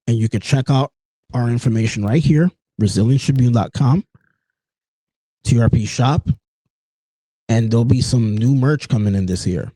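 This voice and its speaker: On a low-quality recording with no echo, a man in his late thirties hosts a reflective solo podcast in a mellow, medium-pitched voice. He speaks earnestly and personally, frequently using "you know" and "folks."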